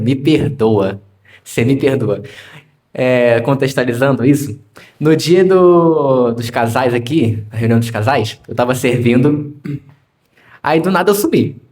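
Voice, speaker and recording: A man's voice: mid-range voice, a little mellow. Young man, carioca accent, church sermon, conversational storytelling, acts out voices. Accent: Rio de Janeiro Portuguese. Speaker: preacher.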